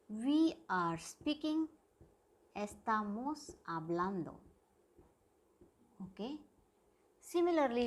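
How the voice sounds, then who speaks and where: Slow, breathy woman teaching grammar. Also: on the high side. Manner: slow, repeats words for emphasis. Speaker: Spanish teacher. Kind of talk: whiteboard grammar lesson.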